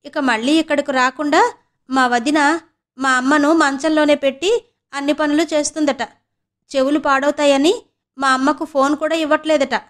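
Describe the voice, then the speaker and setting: A woman narrating an audiobook voices a cheeky young niece who is also a student, teasing and grumbling through quick, chatty asides. The voice she uses is fairly high and lively.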